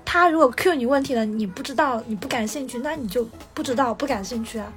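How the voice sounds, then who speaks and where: A woman guest on a podcast, chatting casually and telling a story in a quick, animated way, often repeating words as she starts a sentence. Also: a little high, soft background music. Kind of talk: casual chat, telling an anecdote.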